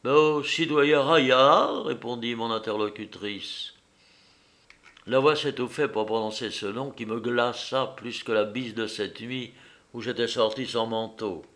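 A man narrating a first-person novel in a measured, expressive reading. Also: fairly low pitch. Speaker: audiobook narrator.

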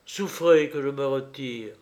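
A man's voice: mid-range voice, unhurried, darkish tone, lightly acted. A man reading a storybook aloud, voicing a brave, upright young miller's son who speaks firmly and earnestly. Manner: firm, earnest, sometimes lamenting.

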